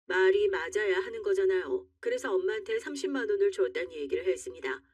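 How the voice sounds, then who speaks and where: A woman's voice: mid-range voice, lively intonation, fast talker, darkish tone, no room sound. Woman telling her own story, all fed up and confiding, dry room, mic a bit far. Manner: indignant, confiding. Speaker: story narrator. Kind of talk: first-person story reading.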